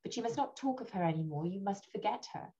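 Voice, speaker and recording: A woman voicing a brisk, impatient male officer who urges his friend in an urgent, dismissive manner. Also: medium pitch, expressive, dark tone, muffled recording, lightly acted. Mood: urging.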